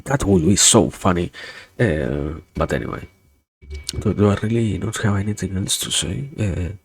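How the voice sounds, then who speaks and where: A young man with a low, husky voice full of vocal fry talks expressively at a moderate pace. He's a virtual streamer with a non-native English accent, chatting casually on a livestream in a hesitant, rambling manner, repeating words and getting wryly sarcastic.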